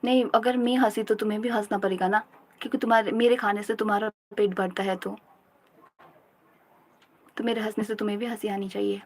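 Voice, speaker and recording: A woman's voice: medium pitch, steady tone, darkish tone, poor audio. A young Indian woman on a study live stream, who recites her notes over and over and chats with her viewers in between. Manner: repeats notes aloud in slow drills, then chats fast in mixed Hindi and English. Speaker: student livestreamer.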